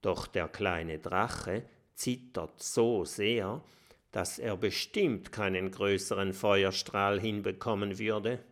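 A man narrating a children's story with expressive, unhurried storytelling. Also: on the low side. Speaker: audiobook narrator.

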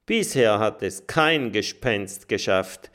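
A man's voice: fairly low pitch, lively intonation, slow pace, a bit bright. A man voicing Willi, the explaining badger.

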